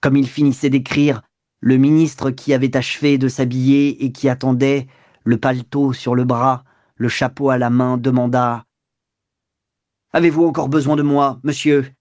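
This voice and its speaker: A man's voice: mid-range voice, level tone, normal speed, a little mellow, no room sound, clean studio sound. Man reading a classic novel aloud. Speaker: narrator.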